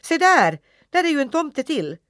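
Man doing tiny bratty storybook boy, high excited voice, shouty, dry close sound. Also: dry recording, natural voice. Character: tiny mischievous boy shrunk to an elf, frightened and bratty.

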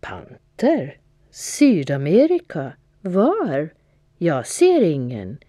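A woman's voice: sits low, wildly swooping pitch, dark tone, dry recording, clean studio sound, heavily acted. A woman voicing a wide-eyed young female cat who stammers with wonder, in a storybook reading. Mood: puzzled.

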